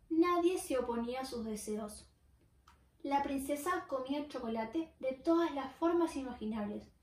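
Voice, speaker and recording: A woman reading a children's story aloud in a clear, expressive storytelling manner with dramatic pauses. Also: high-pitched. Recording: roomy, far from the mic.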